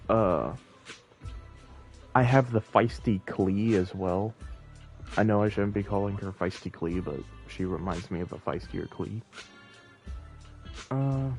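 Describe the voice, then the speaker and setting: Over game music, a man with a low-leaning, darkish voice makes casual chat while playing on a livestream, wandering from thought to thought.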